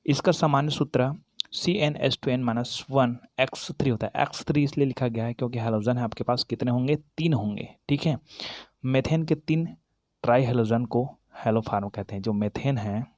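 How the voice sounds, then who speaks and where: Male chemistry teacher, mid pitch, dry close recording, quizzes the viewer and self-corrects. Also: moderate pace, a little mellow, dry recording. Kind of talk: classroom-style lesson, explaining while writing.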